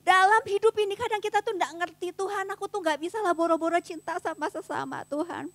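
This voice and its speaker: Young woman preacher, high voice, dry close sound, casual fervent sermon. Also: fast, dry recording. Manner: casual slangy preaching, swings between soft and fervent. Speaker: youth preacher. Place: church youth service.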